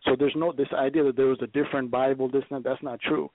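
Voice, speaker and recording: A man's voice: mid-range voice, fairly even intonation, quick pace, no room sound. A man from Ethiopia calling in to a talk show, arguing history insistently in a lecturing way and stammering when cut off. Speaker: caller. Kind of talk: heated call-in debate. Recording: dry phone line.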